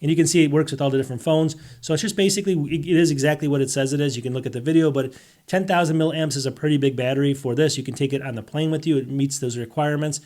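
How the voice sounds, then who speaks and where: Fast-talking man running through tech deals. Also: a little high, darkish tone. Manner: rambling, self-interrupting, asks rhetorical questions. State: losing his voice. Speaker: tech deals video host. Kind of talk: casual tech deals walkthrough.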